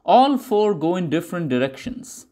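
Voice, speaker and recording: A high-pitched male narrator voices a scripted newsreel documentary, speaking in deliberate, declarative sentences reminiscent of state propaganda. He is very animated, with a dark tone.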